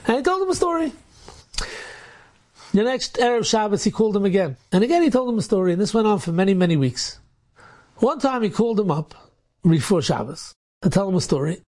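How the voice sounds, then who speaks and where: A man, a rabbi, telling an inspirational story and acting out the dialogue with energy. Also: sits high. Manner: animated, acts out dialogue in quotes.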